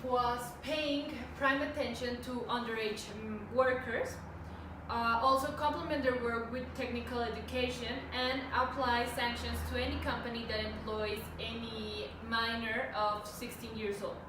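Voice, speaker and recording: A young woman from Mexico in her twenties presents steadily to her class, with a fairly high voice. She stands away from the mic in a very echoey room, and noise is clearly heard behind her. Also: steady tone, unhurried, distant mic. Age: 20s. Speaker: student presenter.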